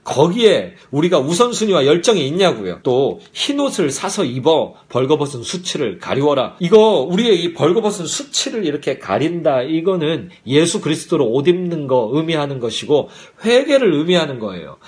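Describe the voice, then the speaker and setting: A male pastor giving a morning prayer sermon, animated and conversational, often acting out the voices of God and of believers. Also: fairly high pitch, moderate pace, hardly any pauses.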